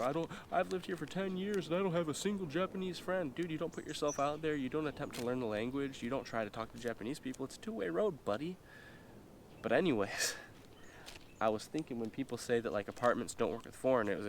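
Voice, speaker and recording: This vlog features a young man, stuffy and nasal from a cold, casually telling a rambling story loaded with slang and fillers while he eats indoors. His voice is mid-range, and slight background noise is present.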